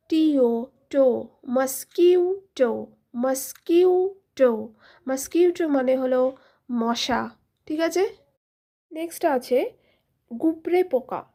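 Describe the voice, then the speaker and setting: A woman, a teacher hosting a children's English lesson. She speaks directly to the kids in a friendly way, spelling words letter by letter and repeating them slowly. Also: high-pitched, mellow. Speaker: teacher and channel host.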